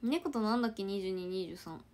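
A woman chatting casually on a livestream, talking back to viewer comments and dropping into soft murmured asides. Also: mid-range voice, fairly quick. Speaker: idol trainee livestreamer.

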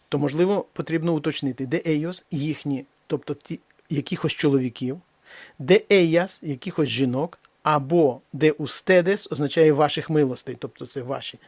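Man teaching a language lesson, fairly high gravelly voice, slow careful examples, dry close sound. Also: darkish tone, no room sound. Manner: slow, deliberate reading of examples, then explains. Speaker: Spanish teacher.

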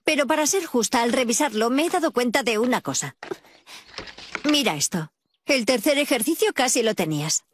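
A woman voicing a harried, quick-tempered but loving housewife mother in a cartoon dub, with a Castilian Spanish accent, given to scolding and calling out her child's name. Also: sits high, lively intonation, husky, heavily acted. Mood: gentle, earnest. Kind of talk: animated cartoon dub acting.

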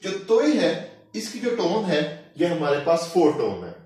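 A man teaching Chinese tones, talking slowly and deliberately and repeating each syllable for practice. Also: a little high, wildly swooping pitch, darkish tone. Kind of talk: recorded language lecture. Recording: very echoey room, mic far off.

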